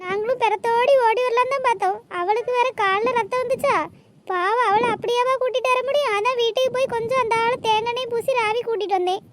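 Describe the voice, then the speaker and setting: A woman's voice: very high voice, fast, very noisy. A woman voicing an argumentative village woman in a cartoon. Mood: defensive. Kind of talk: cartoon voice acting.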